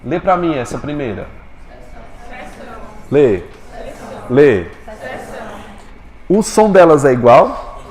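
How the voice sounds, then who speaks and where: A man with a Brazilian Portuguese accent teaching a classroom lecture and quizzing his students with quick questions. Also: on the high side, big pitch swings, darkish tone. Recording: echoey classroom with long reverb, faint noise.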